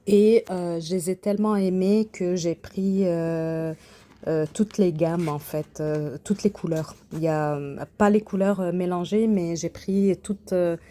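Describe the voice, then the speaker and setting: Showing her coloring and embroidery work, this Quebec craft vlogger speaks casually and hesitantly, often restarting and filling pauses. She has a lowish, dark-toned voice.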